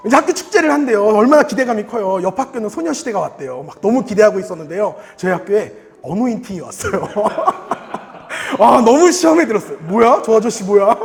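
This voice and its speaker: A young man preaching a sermon, telling a personal story in an animated way and acting out his younger self with laughter. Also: sits high, fairly quick, creaky. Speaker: pastor. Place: church sanctuary. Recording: reverberant church hall.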